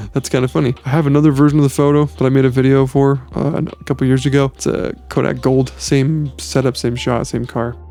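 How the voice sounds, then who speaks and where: Gravelly-voiced man explaining photo editing. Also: mid-range voice, a little fast, few pauses. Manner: relaxed step-by-step explaining. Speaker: photography tutorial host. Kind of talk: screen-recorded software tutorial. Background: faint background music.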